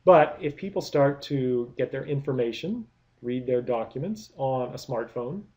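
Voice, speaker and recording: A man's voice: medium pitch, animated, a little slow, warm tone, highs cut off. A man giving a recorded business lecture, explaining step by step with many rhetorical questions and frequent restarts. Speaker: product management lecturer.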